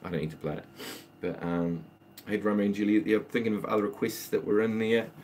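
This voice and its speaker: Speaking fairly quickly in a slightly mellow, lowish voice, this man teaches guitar and is taking song requests from viewers on a live stream at home. His chat between songs is relaxed and meandering. There's slight background noise, including a water pump running.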